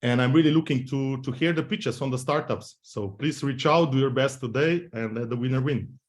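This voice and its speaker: A man's voice: medium pitch, fairly quick. A man giving a self-introduction as a fund director, speaking hesitantly with many fillers. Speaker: fund managing director, judge. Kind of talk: self-introduction on a video call. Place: Berlin.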